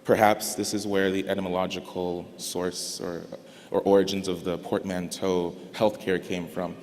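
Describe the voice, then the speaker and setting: A young man giving a commencement speech on behalf of his graduating class, earnest and deliberate, with emphatic rises. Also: low voice, flat delivery, darkish tone. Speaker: graduating student speaker. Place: large arena. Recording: reverberant arena PA sound.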